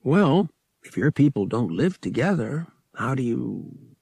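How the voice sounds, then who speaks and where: In an audiobook, a man voices a wry young male pilot who speaks casually and a little hesitantly, using slang, and comes across as curious and awkward. His husky, mellow voice swings widely in pitch in an unhurried, sing-song, heavily acted delivery. It's recorded close and dry, with no echo.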